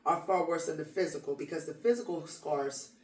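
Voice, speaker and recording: A woman's voice: low-pitched, brisk, a little mellow. A woman co-hosting a casual advice chat, speaking emphatically and repeating phrases for stress. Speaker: podcast co-host. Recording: echoey room, mic at a distance.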